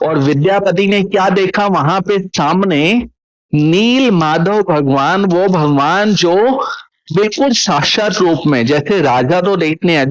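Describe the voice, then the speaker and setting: A man's voice: a little high, poor audio. Chatty male devotional storyteller. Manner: chatty, checks in with listeners often. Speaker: katha storyteller.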